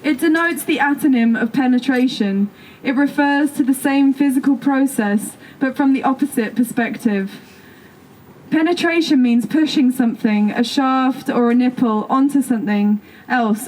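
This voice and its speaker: A woman with a high, slightly mellow voice reads stories and texts at a normal pace in a theatrical, storytelling style during a live performance. Music plays behind her, and the audio quality is poor.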